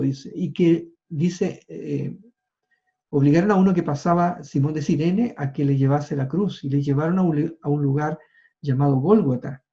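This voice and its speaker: A male preacher gives a sermon, retelling scripture and stopping for casual asides. His voice is fairly high but dark in tone, and the recording sounds dull and lo-fi. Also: vocal fry.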